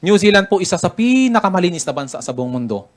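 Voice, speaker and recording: A man's voice: high-pitched, very animated, fast. A Filipino man, a business mentor, giving a chatty, joking motivational talk full of stories and laughter. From Philippines. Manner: chatty, jokey, laughs while telling stories. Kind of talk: motivational story-telling talk.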